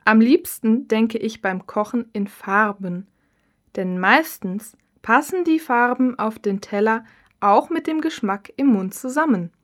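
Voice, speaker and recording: A woman answering interview questions as a cookbook author in a scripted listening-test recording, in a calm, measured reading. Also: on the high side.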